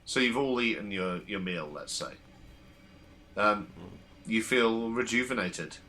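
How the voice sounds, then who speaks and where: A man's voice: on the low side, measured pace, bright, forceful tone, a little hiss or hum. A man working as game master, narrating in a casual, colloquial, loosely improvised way.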